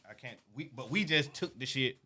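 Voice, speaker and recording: A man's voice: mid-range voice, lively intonation, a little fast, bright, forceful tone, slightly rough. A man, a record label founder speaking as an interview guest in blunt street slang, often repeating himself. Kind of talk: casual interview talk.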